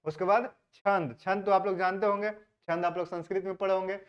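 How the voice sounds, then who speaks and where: A man's voice: sits high, fairly even intonation, a little fast. A male teacher gives an exam-prep history lecture. He asks the class questions and answers them himself, and he mixes English words into his talk. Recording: dull lo-fi sound.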